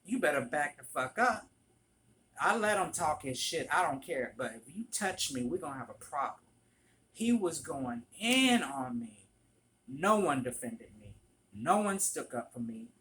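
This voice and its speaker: A vlogger telling a work story in an animated, profane storytime manner. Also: mid-range voice, a little hiss or hum. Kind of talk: storytime vlog.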